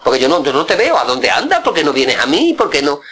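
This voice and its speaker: A man voicing his stern older uncle, a guitarist, scolding him with rapid questions. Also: a little high, wildly swooping pitch, fairly bright tone, breathy edge, heavily acted. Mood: demanding.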